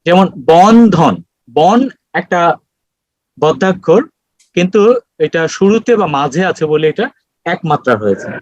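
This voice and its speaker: A man giving an online lecture on poetry meter, explaining slowly with many pauses and fillers over a video call. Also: on the high side, animated, no echo, dull audio.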